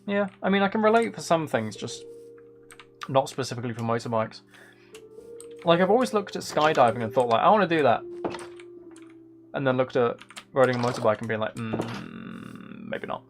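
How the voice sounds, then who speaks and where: Over music, a very animated man of medium pitch hosts a gaming livestream, speaking at a moderate pace with long pauses. He rambles casually and often second-guesses himself, and the clip carries clear background noise and keyboard clicks.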